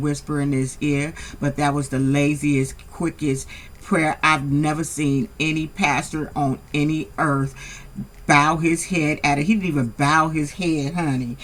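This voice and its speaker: A casual reality TV recap vlog, delivered in a voice of ordinary middle pitch. The speaker is blunt and heavily profane, with sassy, exasperated asides throughout. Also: sharp tone. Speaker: reality show recap vlogger.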